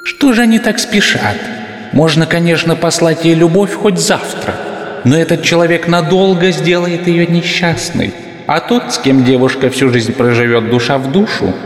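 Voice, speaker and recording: A wise snow angel, voiced by a man, talks softly and unhurriedly in a fairly high, airy voice. The voice rings through a long, echoing hall, with faint music underneath. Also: lightly acted. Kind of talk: audiobook character reading.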